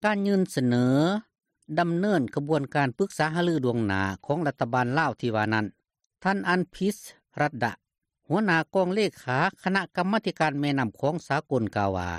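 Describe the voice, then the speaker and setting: A man's voice: mid-range voice, no room sound, clean studio sound. A man with a Lao accent reading scripted radio news as a reporter.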